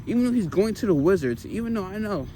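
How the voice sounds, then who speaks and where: An American man chatting casually about sports while walking, emphatic and animated, often repeating phrases for emphasis. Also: sits high, quick pace. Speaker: sports vlogger. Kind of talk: casual rambling sports chat. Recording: clear street noise with passing vehicles.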